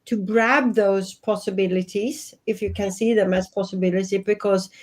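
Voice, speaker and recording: Joining a video call from her home office, this guest is a woman in her fifties from Sweden who talks reflectively and earnestly in a Swedish accent. She speaks at a moderate pace, with a medium pitch and fairly even intonation.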